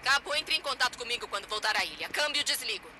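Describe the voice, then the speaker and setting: A bright, high-pitched officer over radio. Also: male voice, animated, fast talker, slight background noise, full character voice. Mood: commanding. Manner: clipped, commanding radio talk. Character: curt male military officer giving radio orders. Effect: radio transmission. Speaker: army lieutenant on the radio. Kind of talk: game voice dub.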